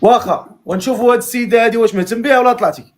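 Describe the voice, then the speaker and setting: A man with a very high-pitched, rapid-fire voice and a Moroccan Arabic accent hosts a live matchmaking stream. His casual chat has him teasing and joking with callers.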